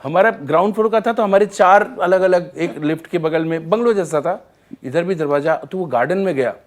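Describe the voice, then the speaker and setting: A male singer, a guest on a talk show, telling anecdotes in an animated way and often laughing as he goes. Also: high-pitched, a little fast. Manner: lively storyteller, acts out scenes and laughs often.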